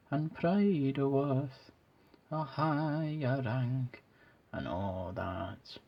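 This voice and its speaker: A man speaks in a hushed ASMR whisper, his voice airy and husky. He talks very slowly, letting each phrase drift out. The recording sounds dull and muffled. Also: mid-range voice. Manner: soft whispering. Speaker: ASMR YouTuber.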